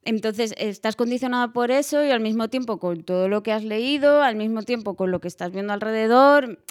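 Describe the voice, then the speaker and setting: Mujer española charlando, se ríe mucho, imita voces, voz algo aguda. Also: female voice, fairly high pitch, fairly quick. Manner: chatty, laughs often, acts out quoted voices. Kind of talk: casual chat.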